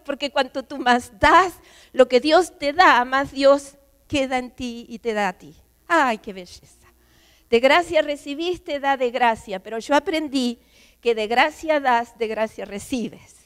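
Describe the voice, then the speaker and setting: Woman pastor's wife preaching, high voice, big reverb church hall, emotional testimony. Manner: emotional, emphatic storytelling with quoted voices. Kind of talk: sermon testimony. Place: church sanctuary.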